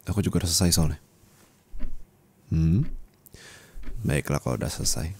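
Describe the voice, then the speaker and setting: A young adult man with a bass, husky voice plays a husband in an Indonesian ASMR roleplay, speaking close to a studio mic in an expressive, exaggerated way at a moderate pace. He addresses the listener as his wife, intimately and colloquially, his soft, affectionate mood turning into angry scolding.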